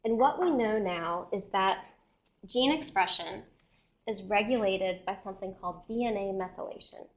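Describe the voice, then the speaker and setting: Speaking at normal speed in a mid-range voice, a female scientist walks her seminar audience through the material one step at a time. She frequently checks that listeners are following, even as her voice fades and she clears her throat.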